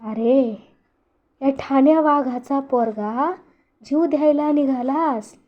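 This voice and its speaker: A woman voicing a stern, grieving old village grandfather who scolds slowly and heavily. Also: sits high, lo-fi sound. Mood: stern scolding. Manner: slow, heavy scolding words.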